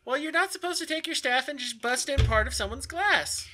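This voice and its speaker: A man's voice: animated, a little fast, heavy background noise. A man voicing a rule-bound town guard who lectures in a raised, put-on voice. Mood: scolding. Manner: bureaucratic, lecturing, high-pitched put-on voice.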